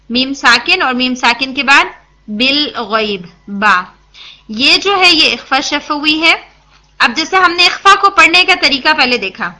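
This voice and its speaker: A woman gives a patient tajweed lesson, her voice high and very bright. She asks and answers her own questions and checks that listeners follow. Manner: patient, explanatory, mixes English words into Urdu. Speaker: Quran recitation teacher. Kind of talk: tajweed lesson, explaining and demonstrating.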